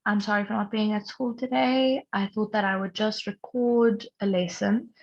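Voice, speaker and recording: A young woman maths teacher who is sick and strained, patiently explaining a recorded lesson and clearing her throat often. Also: mid-range voice, fairly even intonation, moderate pace. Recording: dull lo-fi recording.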